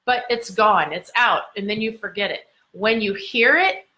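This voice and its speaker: A woman's voice: medium pitch, normal speed, bright, forceful tone. A woman giving a motivational lesson as a communication coach, talking emphatically and repeating her key phrases.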